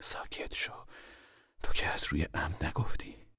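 Man doing a tired worried mom, low and hushed, half whispering, dry sound. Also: animated, slightly rough, no echo, full character voice. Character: tired worried mother, gentle and firm. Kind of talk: audiobook character voice.

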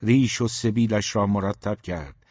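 A man narrating a novel aloud in a steady, measured reading, in a dull, dry recording. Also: fairly low pitch, no room sound. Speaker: audiobook narrator.

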